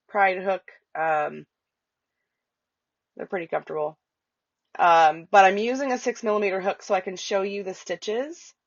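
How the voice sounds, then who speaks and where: Congested and nasal with a cold, a woman chats her way through a relaxed crochet lesson in her home, full of fillers and restarts. Dogs wander nearby, nails clicking on the floor, and the dull recording carries no room sound around her fairly low-pitched voice.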